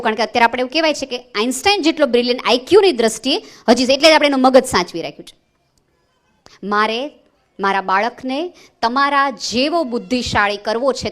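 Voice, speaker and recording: A woman motivational speaker, giving an earnest speech and telling stories, often repeating a phrase for weight. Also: fairly high pitch.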